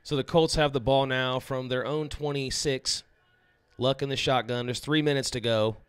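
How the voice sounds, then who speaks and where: A man's voice: medium pitch, fairly even intonation, moderate pace, clear, resonant tone, no room sound. A man in his early thirties co-hosting a live watch party, reading viewer comments aloud and calling the plays. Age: 30s. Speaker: show producer and co-host. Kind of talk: casual live chat and play-by-play.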